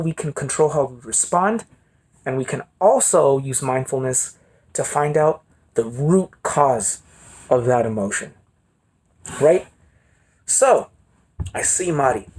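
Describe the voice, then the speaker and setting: Husky man giving a casual talk. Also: medium pitch, a little mellow. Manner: conversational, frequent "right?" check-ins. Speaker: guest speaker.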